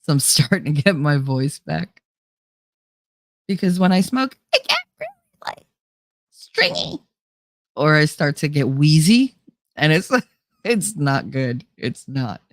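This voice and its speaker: Her low voice swoops wildly in pitch as she takes things slowly, pausing often, on a dry recording. This young adult livestream host sits near a desk mic, rambling chattily through live comments with frequent laughter and a slight cold-induced nasality.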